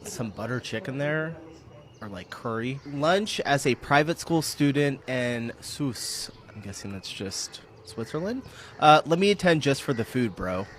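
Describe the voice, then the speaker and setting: A man's voice: medium pitch, expressive, measured pace, noisy background. A man casually commenting on clips in a reaction video, amused by what he sees. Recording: loud music behind the voice.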